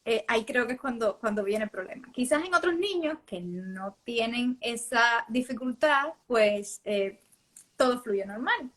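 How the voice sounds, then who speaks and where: A woman's voice: on the high side, expressive, unhurried, fairly bright tone. A woman hosting a live-stream conversation, reflecting as a mother on her son's speech and laughing lightly between points. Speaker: mother and host.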